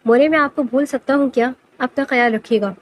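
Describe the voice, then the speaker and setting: A woman's voice: sits high, lightly acted. Woman reading as a defiant young heir. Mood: tender. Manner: frustrated, protesting.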